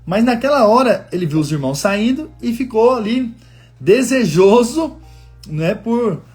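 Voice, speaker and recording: A man's voice: very high-pitched, expressive, unhurried, darkish tone, husky, soft background music. A male pastor preaching a sermon, telling a family story in an earnest, encouraging way. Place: living in the United States.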